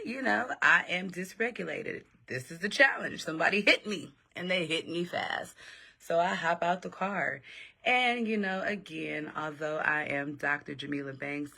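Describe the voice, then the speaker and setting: A middle-aged woman from Los Angeles, hosting and telling a personal story in a casual, animated way, often laughing. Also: sits low. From South Central Los Angeles. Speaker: host, personal growth coach.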